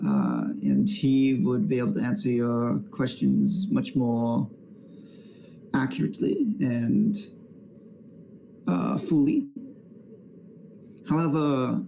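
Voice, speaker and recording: A man voicing a slow, formal island queen. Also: medium pitch, big pitch swings, gravelly, dark tone, slight background noise, exaggerated voice, rough recording. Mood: measured. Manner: formal, measured, hesitant. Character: formal, measured queen of a dragon isle.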